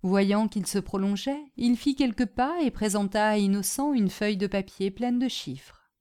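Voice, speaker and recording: A woman narrating a storybook in a steady, expressive reading voice. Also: medium pitch, normal speed.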